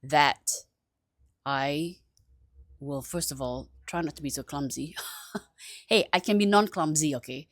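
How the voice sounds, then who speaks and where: Woman, low voice, dry close sound, chatty, laughs a lot. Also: unhurried, pauses often, no room sound. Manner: animated, chatty, laughing often, self-mocking. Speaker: vlogger. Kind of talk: casual chat to camera.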